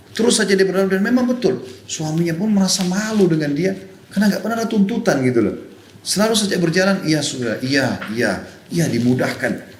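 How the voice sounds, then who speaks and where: High-voiced man preaching in echoey room. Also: slight background noise. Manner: earnest, conversational preaching. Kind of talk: sermon to women.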